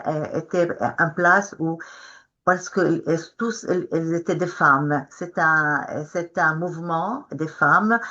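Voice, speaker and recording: On a video call, an older woman from Israel, a panelist and peace activist, gives a webinar talk that begins recited and turns spontaneous. She speaks haltingly, with many restarts as she hunts for words, in a low, slightly bright voice with the highs cut off.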